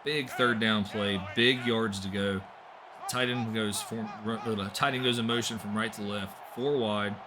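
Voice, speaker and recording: A young man doing live play-by-play commentary on a simulated football game, getting excitable on big plays. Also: unhurried, background noise. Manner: excitable, voice jumps high and loud on big plays. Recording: music playing behind the voice.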